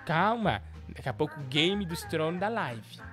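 Teasing male live-stream host, animated intonation, background music. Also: fairly high pitch, moderate pace. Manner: playful, teasing, mock-outraged. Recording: music playing behind.

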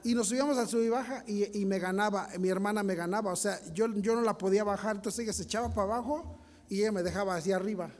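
A man preaching with a noticeably high voice. He tells stories and keeps turning to the congregation with questions. His voice rings out in a long hall reverb. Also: fast. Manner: storytelling, addresses congregation directly. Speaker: pastor. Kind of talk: sermon.

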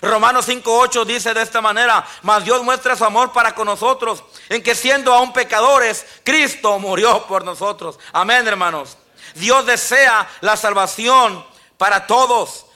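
A male pastor preaching a sermon in a church, quoting scripture and often pausing for "amen, brothers". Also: very high-pitched, sharp tone. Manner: preaching with frequent "amén, hermanos" and quoted scripture. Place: church sanctuary.

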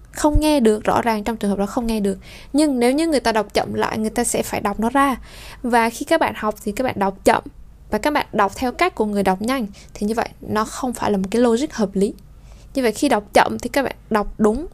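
Woman from vietnam teaching french pronunciation, bit high voice, says the example lines slow and careful. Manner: reads French examples slowly and clearly. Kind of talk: explanatory lesson.

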